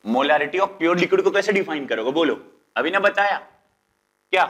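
An Indian chemistry teacher with a Bihari Hindi accent lectures his classroom, repeatedly tossing out rhetorical questions and slowly drawing out the English terms. His voice is a little high, animated, and fairly bright.

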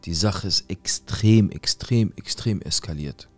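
A man's voice: sits low, unhurried, soft background music. A young man telling a personal story in casual street slang, acting out quoted dialogue. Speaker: guest telling his life story.

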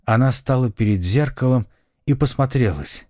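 A man narrating an adventure novel audiobook with an expressive, dramatic reading. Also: medium pitch, moderate pace, dry recording, studio quality. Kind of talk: scripted narration.

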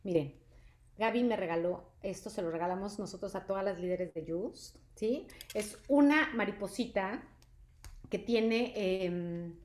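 A woman hosting a live product presentation, chatty and lively, constantly checking in with her audience. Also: medium pitch, a little slow. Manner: lively, chatty, asks "¿sí?" often. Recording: echoey room.

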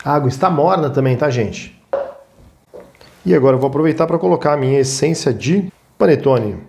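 With a Brazilian Portuguese accent, this cooking show host talks briskly in a mid-range, slightly mellow voice with vocal fry, over a faint hiss or hum. He walks through a recipe step by step, informal and instructive, frequently tossing in check-in tags.

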